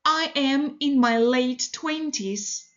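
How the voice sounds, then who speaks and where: Woman English teacher with a high voice, reading example phrases slowly and steadily for learners. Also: a bit bright, lo-fi sound. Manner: slow, deliberate, evenly paced reading. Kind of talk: reading model sentences for learners.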